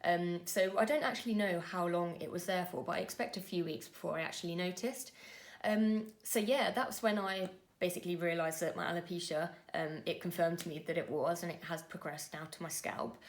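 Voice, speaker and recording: Young woman, lowish voice, chatty personal vlog, lots of ums. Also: fairly even intonation, brisk. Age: 20s. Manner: conversational, frequent ums, earnest and open. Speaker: vlogger. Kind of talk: personal story told to camera.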